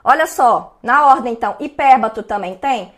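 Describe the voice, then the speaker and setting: A woman with a Brazilian Portuguese accent teaches an online exam-prep lesson, going over exam answers in a chatty way and frequently checking in with her students. Her voice is fairly high and animated, at a normal speed.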